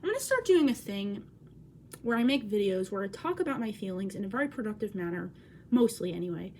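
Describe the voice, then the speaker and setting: A woman's voice: medium pitch, big pitch swings, fairly quick, a little mellow, a little hiss or hum. A woman in her twenties vlogging at home, talking in an awkward, rambling way, cutting herself off and swearing. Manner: awkward, self-interrupting, swears. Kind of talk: casual rambling vlog. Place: at home by a window.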